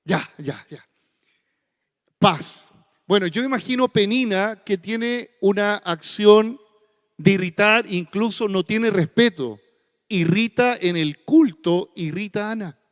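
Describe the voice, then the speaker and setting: High-voiced Chilean pastor preaching. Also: male voice, measured pace. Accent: Chilean Spanish. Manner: folksy, humorous then softly earnest. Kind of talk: sermon. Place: church sanctuary. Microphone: stage microphone with monitor. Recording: long church reverb.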